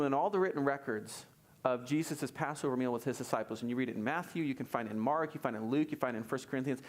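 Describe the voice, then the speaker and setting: A male pastor preaching a sermon, animated, moving between soft and emphatic delivery and repeating key phrases. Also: mid-range voice. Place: church service.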